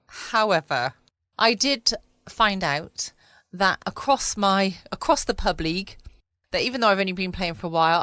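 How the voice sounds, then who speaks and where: This woman, past her twenties, has a southern English accent and a fairly low, slightly bright voice with no echo. She hosts a bedtime podcast from a quiet room at home, chatting casually in a playful, self-mocking way.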